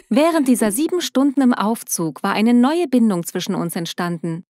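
A young woman tells a dramatic first-person story with emotive scripted delivery. Her voice sits slightly high. The recording is close and dry. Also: darkish tone, no room sound.

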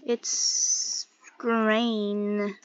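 A woman giving casual gameplay commentary as a streamer, excitable, exclaiming and muttering to herself as she plays. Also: medium pitch, drawn-out words, clear, resonant tone, muffled recording. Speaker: game streamer.

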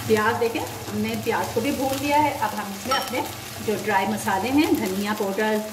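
A woman's voice: mid-range voice, moderate pace. A woman hosting a cooking channel, patiently explaining each step and giving tips at her home stove. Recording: echoey kitchen, mic far off, loud sizzling noise. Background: frying and sizzling.

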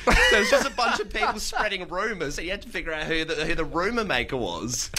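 A man's voice: fairly high pitch, big pitch swings, fast talker, very noisy. A young Australian man, a radio co-host, telling stories in casual, jokey banter. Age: young adult. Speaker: radio breakfast show co-host.

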